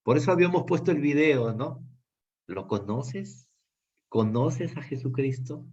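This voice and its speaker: A man's voice: fairly high pitch, normal speed, a little mellow, slightly rough. Earnest Peruvian man teaching Bible class. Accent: Peruvian Spanish. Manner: earnest, many fillers and restarts. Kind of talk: Bible study lesson. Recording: dull lo-fi sound.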